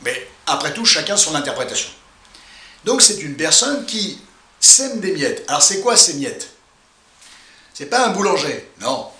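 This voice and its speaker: A man's voice: a little high, very animated, measured pace, pauses often, sharp tone. A man, a psychotherapist, explaining a topic to his subscribers in a playful, self-mocking way. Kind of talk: explanatory video monologue to subscribers. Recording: echoey room.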